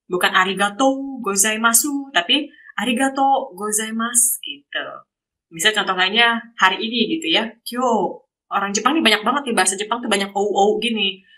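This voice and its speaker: A woman's voice: medium pitch, a little fast, sharp tone, breathy edge, poor audio. A woman from Indonesia, a guest speaker giving a casual online lesson over a video call, explaining step by step with many examples. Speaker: guest speaker teaching Japanese.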